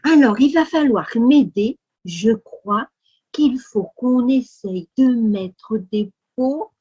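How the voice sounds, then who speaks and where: A woman with a French accent leading a children's Sunday school lesson, speaking slowly with exaggerated, exclamatory storytelling for kids. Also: a little high, animated, dark tone, slightly rough, highs cut off. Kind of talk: animated lesson for young children.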